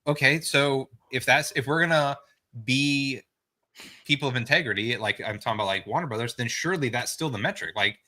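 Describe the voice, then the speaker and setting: Brief: male podcast guest, bright forward tone, filler-heavy quick arguing. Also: medium pitch. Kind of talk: casual podcast chat.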